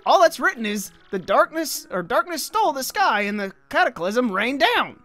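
A woman's voice: sits high, big pitch swings, moderate pace, a bit bright, faint music behind, pitched above the performer's own voice. Woman reading as an eccentric professor. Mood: lecturing. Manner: reads game dialogue aloud, stumbling over words. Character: eccentric male scientist professor.

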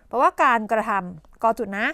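A woman teacher explaining English idioms in a televised tutoring lesson, coughing now and then and dotting her talk with polite fillers and quick questions to the class. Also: a bit bright, no room sound. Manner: coughs and clears her throat often.

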